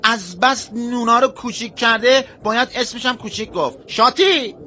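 A man's voice: extremely high pitch, bright, forceful tone, slight background noise. A man hosting a comic sketch, joking and mocking with frequent laughs. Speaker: comedy host.

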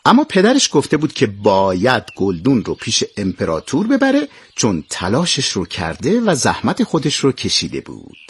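Storyteller type: man, husky voice, very lively pitch, dry close sound. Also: no room sound. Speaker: children's storyteller. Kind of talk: scripted narration.

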